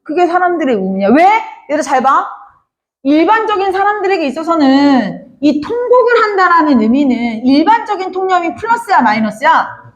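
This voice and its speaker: A woman teaches a literature class in a high, lively voice that jumps all over as she explains. She keeps turning to her students with quick questions to check that they follow. The sound is a bit muffled and lo-fi. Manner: addresses students often, asks many check questions. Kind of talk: classroom lecture.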